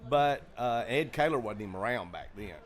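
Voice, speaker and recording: This man owns a comedy club and co-hosts, and his medium-pitched voice is animated and brisk. Relaxing in a green room, he tells drawn-out stories that ramble, full of filler words and restarts.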